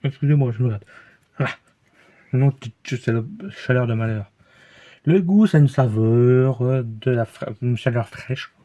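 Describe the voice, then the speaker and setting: A man's voice: mid-range voice, normal speed, dark tone, muffled recording. A man with a Belgian French accent reviewing beers in a casual, rambling way, full of fillers, false starts and hesitations, recorded in a room at home.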